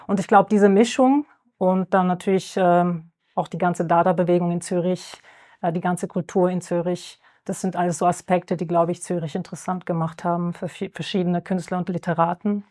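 A woman's voice: on the low side, level tone, normal speed, warm tone. A young woman, a guest in a panel discussion, who talks hesitantly and thinks aloud with many fillers.

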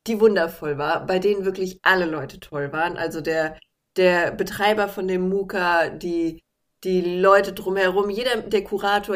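Blunt, animated woman telling a story. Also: medium pitch. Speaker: artist. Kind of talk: casual podcast chat.

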